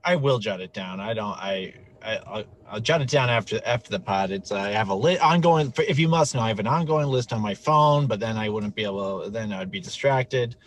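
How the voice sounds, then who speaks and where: A man's voice: fairly low pitch, lively intonation, fairly quick, few pauses. A man co-hosting a podcast, joking, laughing and rambling in casual chat. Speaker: podcast co-host.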